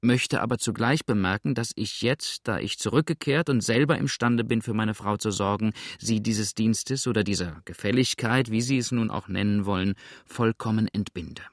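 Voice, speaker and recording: A man's voice: lowish voice, moderate pace, hardly any pauses, dry recording, studio quality, lightly acted. A man voicing a cocky male criminal who stammers when caught off guard and then turns brusque and impatient. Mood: defiant.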